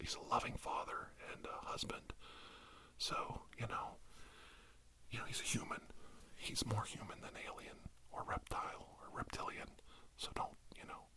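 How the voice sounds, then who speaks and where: Here a man, posing as a self-styled healing doctor, drifts through a rambling ASMR narrative with hesitant, deadpan earnestness. His mid-range voice keeps a moderate pace, punctuated by long pauses.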